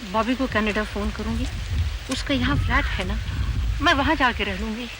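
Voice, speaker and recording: An actress in her sixties playing a mother who is quietly set on leaving her husband, with slow, measured speech in a television drama. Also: fairly high pitch, natural voice. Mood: resolute. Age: 60s. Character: resolute sixty-year-old mother, wounded but firm. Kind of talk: 1990s television drama acting. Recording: hissy old TV archive recording.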